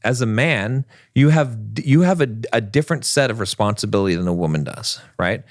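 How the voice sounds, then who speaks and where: A man's voice: mid-range voice, expressive, fairly quick, no room sound, clean studio sound. A man co-hosting a relationship podcast, talking emphatically and tagging his points with "right?". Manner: emphatic, keeps asking "right?". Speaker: podcast co-host. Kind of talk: relationship advice podcast talk.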